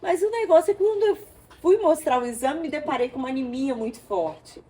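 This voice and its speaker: A woman from Brazil, an interview guest, telling an emotional personal story with animated storytelling and acted-out dialogue. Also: high voice, brisk.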